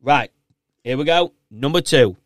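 A man's voice: mid-range voice, animated, unhurried, no echo. Yorkshire man with a thick accent, close and dry. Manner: chatty, encouraging, matey. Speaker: podcast host and quizmaster. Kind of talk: casual, upbeat podcast hosting.

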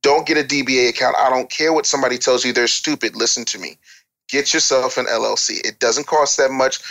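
A man with a medium-pitched, slightly bright voice appears as a guest expert on music business and promotion. He gives candid advice and tells anecdotes, lecturing bluntly and emphatically with casual swearing.

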